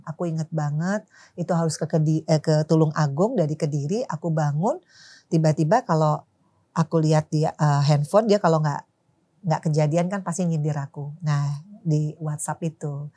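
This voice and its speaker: A woman guest in a casual interview tells a personal story in colloquial speech, mixing in slang and English words and acting out quarrels in quoted voices. Her voice is low and mellow with a breathy edge.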